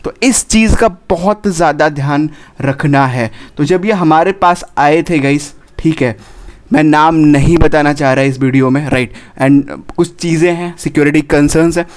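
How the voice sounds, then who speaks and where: Young male counsellor, slightly high voice, urgent and repetitive warnings. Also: moderate pace. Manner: urgent, repetitive, warns directly, drops English words into Hindi. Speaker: admissions counsellor. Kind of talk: counselling advice video.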